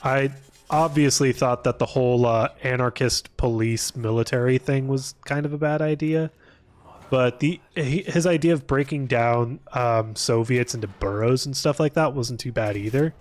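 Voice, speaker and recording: In an apartment room, a man livestreams in a mid-range, slightly dark voice at a moderate pace. His talk is loose and hesitant, drifting off mid-thought as he rambles casually.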